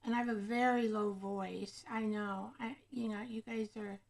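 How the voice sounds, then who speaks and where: A woman's voice: mid-range voice, fairly even intonation, moderate pace, creaky, darkish tone, low-quality recording. A woman hosting a casual craft livestream, rambling along and chatting directly with her viewers. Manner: rambling, chatty, often addressing viewers by name. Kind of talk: casual live chat with viewers. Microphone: camera microphone.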